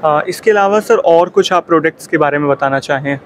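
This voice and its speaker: A man's voice: fairly high pitch, fairly quick, a little hiss or hum. A male news reporter politely asking exhibitors questions at a trade fair. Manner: polite, addresses guests as sir and ma'am. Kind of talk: field interview questions. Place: busy trade fair hall.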